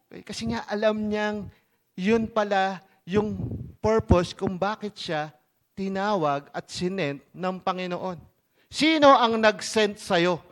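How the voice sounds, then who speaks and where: A male pastor with a high, light voice delivers a sermon from the pulpit. He preaches in a lively, conversational way, mixing in English phrases and often checking in with his listeners. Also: unhurried.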